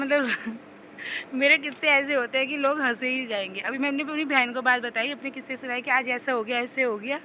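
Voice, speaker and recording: High bright-voiced young woman vlogging. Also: slight background noise. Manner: rambling, animated, laughs while telling stories. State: slight cough and sore throat. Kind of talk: casual chatty storytelling.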